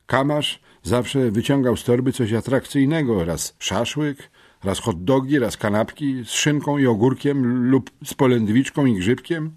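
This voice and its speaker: Mężczyzna grający zalęknionego, głodnego chłopca. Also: male voice, medium pitch, unhurried, darkish tone, natural voice. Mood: confessing. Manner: stammering, pleading. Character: nervous hungry schoolboy.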